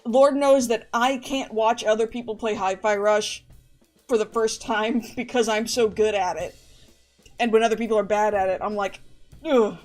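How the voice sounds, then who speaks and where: A woman's voice: medium pitch, fairly even intonation, normal speed, faint music behind. A woman streamer chatting casually to her live audience, rambling and going off on tangents. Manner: rambling, chatty, often restarts and trails off.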